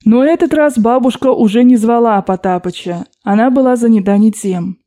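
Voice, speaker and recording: A woman narrating an audiobook in a steady, expressive reading voice. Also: a little high, moderate pace.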